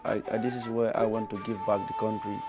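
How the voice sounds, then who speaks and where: A man from Gambia, a guest in an interview, speaking as an in an earnest, halting way with many restarts. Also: lowish voice, flat delivery, over loud music. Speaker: guest, fashion brand founder. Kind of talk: interview conversation.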